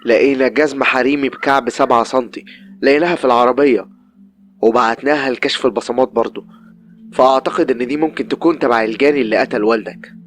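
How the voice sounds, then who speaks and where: A man voicing a quiet, deferential Egyptian police subordinate reporting by phone. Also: mid-range voice, fast, faint music behind, natural voice.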